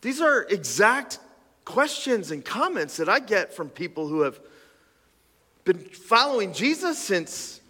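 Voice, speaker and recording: Bright-voiced man preaching in a reverberant hall. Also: high-pitched, sing-song, a little slow. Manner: conversational, joking, with many restarts and sudden loud emphatic passages. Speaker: pastor. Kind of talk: sermon. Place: church auditorium.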